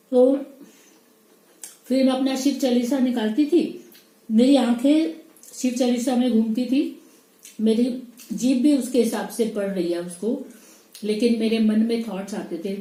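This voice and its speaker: A woman's voice: mid-range voice, dark tone, echoey room, poor audio. A middle-aged woman telling a personal story in casual, chatty storytelling, often voicing her own inner thoughts. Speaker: vlogger.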